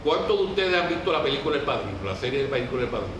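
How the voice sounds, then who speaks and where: A man's voice: mid-range voice, sing-song, very fast. A man with a Puerto Rican Caribbean Spanish accent gives an informal, didactic history talk to a group in colloquial language, often putting questions to them. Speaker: lecturer. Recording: very echoey room, distant mic, clear noise.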